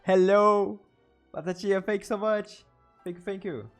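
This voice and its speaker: Game music plays behind a Brazilian-accented man, a native Portuguese speaker, who streams games and chats casually, repeating words often. He speaks at a moderate pace in a high voice with a steady tone.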